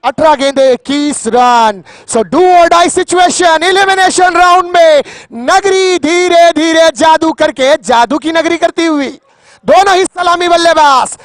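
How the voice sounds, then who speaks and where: High-pitched man, excited cricket commentary. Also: takes it slowly, no echo. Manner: theatrical, repeats phrases for emphasis; poetic, breaks into recited verse.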